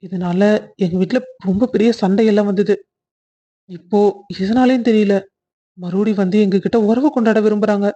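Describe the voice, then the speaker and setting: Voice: medium pitch, moderate pace, long pauses, dark tone, close to an everyday voice. A voice actor playing a young man in a cartoon story, resentful toward his sister, talking in a dull lo-fi recording. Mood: bitter. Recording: dull lo-fi audio.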